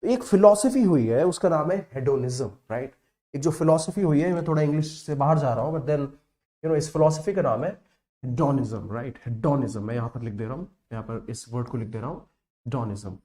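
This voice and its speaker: A man teaching English vocabulary in a lesson that mixes Hindi and English. He explains slowly and keeps checking with "right?" and "correct?". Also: medium pitch, mellow. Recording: echoey room.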